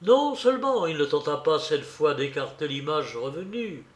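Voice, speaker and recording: A man reading a literary novel aloud in a measured, expressive way. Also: fairly high pitch. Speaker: audiobook narrator.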